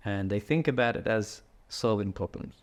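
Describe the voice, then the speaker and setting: A man speaking as a podcast guest, relaxed and joking, thinking aloud and often checking in with "right?". He talks in person with the host in an indoor room. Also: on the low side, moderate pace. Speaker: podcast guest, product executive. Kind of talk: casual conversational interview.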